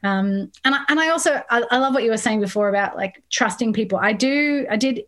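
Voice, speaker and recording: A woman in her thirties, a songwriter being interviewed, talking in a chatty, animated way with frequent laughs. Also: a little high, a little fast. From Australia. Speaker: songwriter guest. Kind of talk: casual interview chat.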